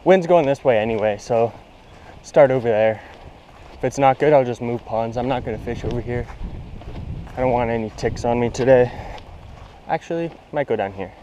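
Out by the ponds in tall grass, a young fishing vlogger keeps up sarcastic, casual commentary to himself while he fishes, recorded by an action camera on his head. He talks at medium pitch and moderate pace with long pauses and a dark tone. The sound is muffled, with slight hiss or hum.

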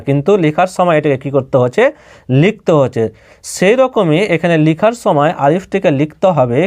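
A man teaching Quran letter reading in a slow step-by-step lesson, patiently repeating each syllable for learners to follow. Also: on the high side, a little mellow. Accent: Bangladeshi Bengali.

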